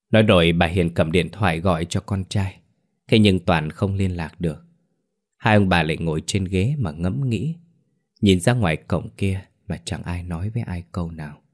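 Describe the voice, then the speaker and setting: Low-voiced male ghost-story narrator. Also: moderate pace.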